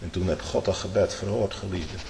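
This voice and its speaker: Deep-voiced male preacher, echoey church. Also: steady tone, moderate pace, gravelly, slight background noise. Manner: emphatic, frequent "hè?" tag questions, swelling loud outbursts. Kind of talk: sermon. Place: church hall. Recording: echoey church hall, faint ambience.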